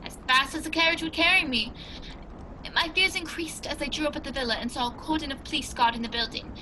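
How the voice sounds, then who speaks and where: A woman's voice: high voice, fast, noisy background, natural voice. A woman playing a genial old English doctor who tells a mystery tale in an earnest, old-fashioned 1940s radio style. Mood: grave storytelling.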